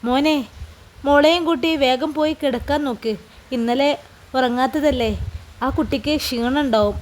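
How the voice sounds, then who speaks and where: A woman voicing a caring mother gently urging her son to rest, in a read-aloud story. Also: high voice, normal speed, a little hiss or hum, natural voice. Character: caring middle-aged mother.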